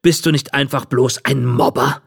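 A man playing a gruff old homeless man. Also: mid-range voice, fairly even intonation, moderate pace. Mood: accusing. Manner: gruff, accusing.

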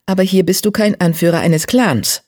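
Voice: medium pitch, normal speed, a little mellow, pitched above the performer's own voice, close to an everyday voice. A narrator voicing a wiry grey tomcat warrior who speaks firmly and earnestly. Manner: firm, earnest. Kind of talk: audiobook character voice.

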